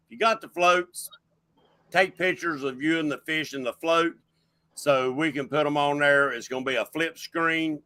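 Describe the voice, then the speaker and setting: A man's voice: mid-range voice, sharp tone, dry recording. A man hosting a casual livestream chat show, folksy and rambling as he welcomes people in. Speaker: show host.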